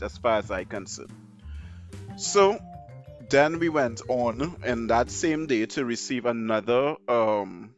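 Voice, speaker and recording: A man delivers a blunt, opinionated solo podcast rant that wanders from point to point. His voice sits at an ordinary middle pitch. The audio is dull and lo-fi, with faint music underneath. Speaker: podcast host.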